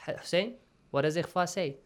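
Teacher running a recitation lesson: smooth, clean voice, steady pitch, slow drawn-out demonstrations, frequent check-ins. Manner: checks in often with "okay?" and "right?". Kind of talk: tajweed lesson to students.

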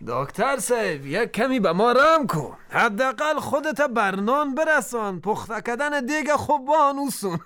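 An actor playing a teasing, caring husband in a radio drama. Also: male voice, extremely high pitch, animated, few pauses, full character voice. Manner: playful, gently joking.

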